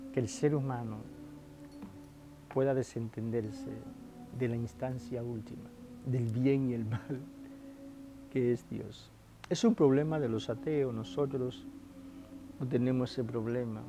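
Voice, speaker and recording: Friar preaching a sermon: slow, gravelly man, emphatic swells and drops, faint music underneath. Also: medium pitch. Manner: addresses listeners as brothers and sisters, emphatic swells and drops.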